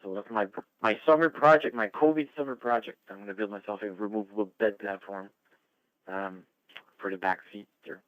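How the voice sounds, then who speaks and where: A man's voice: lowish voice, fairly even intonation, brisk, fairly bright tone, poor audio. A man chatting casually as an amateur radio net controller over a two-way radio, rambling and friendly. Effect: two-way radio transmission.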